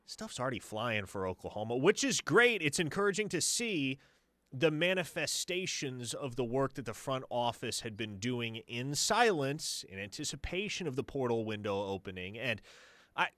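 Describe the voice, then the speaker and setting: A man co-hosting a sports radio show, talking in an animated, emphatic way with a lively, swooping pitch. His delivery is wordy and energetic. The studio sound is dry and close. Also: moderate pace, dry recording.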